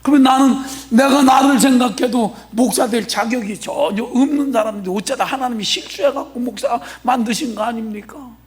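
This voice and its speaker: A man preaching a Sunday sermon as senior pastor, emphatic, bursting into shouts and checking with the congregation. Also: very high-pitched, moderate pace, hardly any pauses. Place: church sanctuary.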